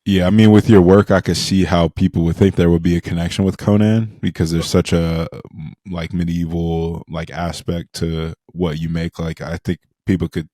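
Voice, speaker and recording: Low-voiced man hosting a podcast. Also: little pitch movement, moderate pace, mellow, no room sound. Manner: slangy, enthusiastic. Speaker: podcast host, interviewer. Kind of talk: casual interview chat.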